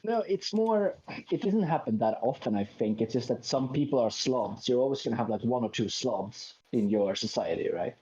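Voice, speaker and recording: A man's voice: mid-range voice, animated, moderate pace, warm tone, slightly rough. A man tells a meandering story in easygoing chat, throwing in self-deprecating jokes and imitating other people. His voice sits in an ordinary middle register. The recording sounds dull and lo-fi. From Sweden. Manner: rambling anecdote with self-mocking asides and quoted voices. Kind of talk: casual chat.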